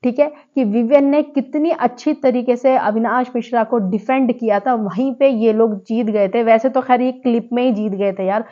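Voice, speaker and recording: A woman's voice: fairly high pitch, normal speed, few pauses. A woman giving a chatty, opinionated casual review of a TV show, scolding people now and then and restarting words mid-sentence. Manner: opinionated, scolding asides to contestants. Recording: dull lo-fi sound.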